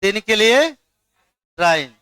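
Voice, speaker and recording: A high, bright-voiced man lectures a class at an unhurried pace. He keeps urging students to look carefully and quizzes them one by one. His voice is smooth and clear, recorded close and dry. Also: sing-song, no room sound. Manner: coaxing, repeats "dekhiye" to hold attention, quizzes students. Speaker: chemistry teacher.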